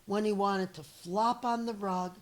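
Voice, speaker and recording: Audio quality is poor as a middle-aged teacher with a medium-pitched voice reads a children's picture book aloud. Her delivery is deliberate and expressive, with chatty asides mixed in.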